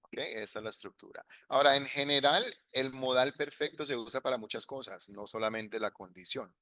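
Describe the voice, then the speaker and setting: Bright-voiced male English teacher. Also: medium pitch, fairly quick, no room sound, studio quality. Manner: explains step by step, switching between Spanish and English examples. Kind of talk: live online grammar class. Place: online class.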